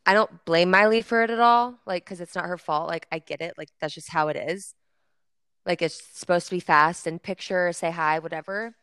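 A young woman chats through a story on a podcast, piling up fillers as she goes. Her voice is smooth and clean, recorded close and dry. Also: fairly low pitch, normal speed, fairly bright tone, no echo. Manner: chatty, filler-heavy storytelling. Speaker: podcast co-host. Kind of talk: casual chat.

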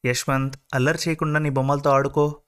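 A man voicing a kind, patient middle-aged mother in a told story, speaking gently and reassuringly. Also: mid-range voice, level tone, fast talker, clean tone, lightly acted.

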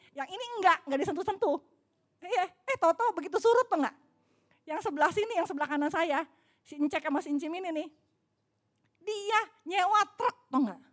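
A middle-aged woman, preaching in a chatty storytelling way, often asking the audience questions. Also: very high-pitched. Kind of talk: sermon with personal stories.

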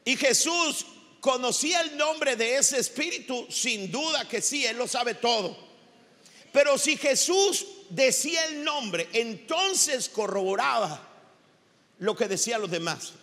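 A male pastor speaking with a Mexican Spanish accent gives an animated, impassioned sermon at a slightly slow pace, at times rising into shouts. His voice is very high and bright, with long church-hall reverb trailing behind.

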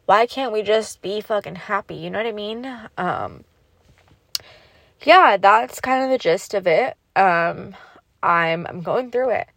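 A woman's voice: mid-range voice, lively intonation, unhurried, vocal fry, fairly bright tone, no echo. A young woman hosting her own podcast, talking candidly and bluntly, with heavy swearing and lots of fillers, sounding raw and vulnerable. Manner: raw, vulnerable, holding back tears. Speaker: podcast host. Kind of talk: candid solo podcast monologue.

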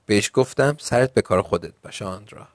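A man reading a children's storybook aloud in the first person, with a Persian accent and a lively, playful delivery. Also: on the low side, no echo. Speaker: narrator.

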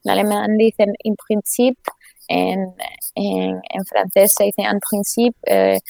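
Woman with a gravelly voice. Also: mid-range voice, little pitch movement, slow, mellow, no room sound. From Spain. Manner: explains at length with frequent restarts and tag questions. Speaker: interview guest, economist and author. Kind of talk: conversational interview.

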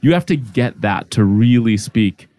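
A man's voice: medium pitch, animated, unhurried, warm tone, no echo. A man whose first language is Arabic, hosting a podcast and talking loosely and casually with lots of "like" fillers. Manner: chatty, loose, many "like" fillers and restarts. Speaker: podcast host. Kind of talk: casual conversation.

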